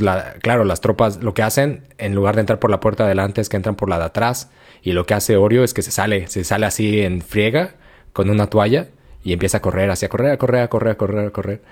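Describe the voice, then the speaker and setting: Slangy Mexican man telling a story. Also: lowish voice. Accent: Mexican Spanish. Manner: slangy, animated, acts out quotes. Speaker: podcast host. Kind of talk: casual storytelling chat.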